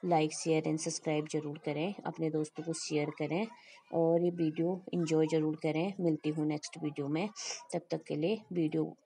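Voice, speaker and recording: A woman's voice: deep voice, flat delivery, normal speed, dark tone, breathy edge. A woman cooking vlogger chatting through a home recipe, addressing her viewers as friends. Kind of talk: casual recipe walkthrough voice-over. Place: home kitchen.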